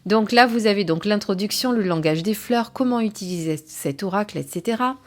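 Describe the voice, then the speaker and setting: A woman unboxing and reviewing an oracle card set, talking casually with many pauses and fillers. Her pitch sits in an ordinary middle range, and now and then she drops into soft whispers. She also reads some passages from the guidebook aloud.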